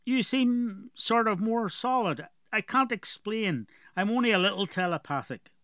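A man's voice: high-pitched, expressive, unhurried, sharp tone, dry recording, clean studio sound, voice pushed up, exaggerated voice. A man voicing a curious, guarded young male assistant who speaks in a questioning, hesitant way.

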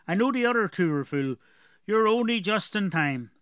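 A man's voice: high voice, animated, normal speed, a bit bright, clear, resonant tone, dry recording, voice pushed up. A man voicing a brusque, officious male town gate guard. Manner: curt, officious.

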